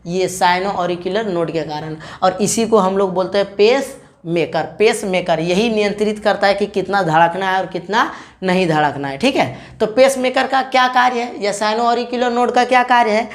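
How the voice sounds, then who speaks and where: A woman teaches an exam-prep lesson at a steady middle pitch. She drills her class with rapid question-and-answer pairs, repeats key terms over and over, and corrects herself mid-word.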